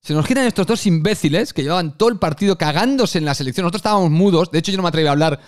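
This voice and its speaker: Man, Galician accent, rapid animated chatter, slightly high voice, football youtuber. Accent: Galician Spanish. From Spain. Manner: animated, chatty, addresses viewers directly. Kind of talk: casual fan commentary and storytelling.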